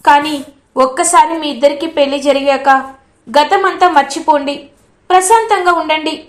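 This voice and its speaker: Woman as heartbroken young woman, stern, scolding, high voice. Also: moderate pace, natural voice. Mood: firm.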